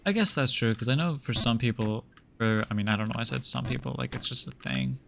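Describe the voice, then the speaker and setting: A man's voice: mid-range voice, sing-song, brisk, creaky, sharp tone, a little hiss or hum. A young man streaming a game, chatting casually with viewers in a laid-back, rambling way full of fillers and restarts. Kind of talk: casual chat while gaming.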